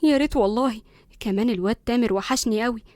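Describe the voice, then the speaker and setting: A woman's voice: fairly high pitch, quick pace, darkish tone, no room sound, clean studio sound, lightly acted. A woman voicing a chatty teenage girlfriend with an Egyptian accent. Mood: eager. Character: girlfriend of the granddaughter.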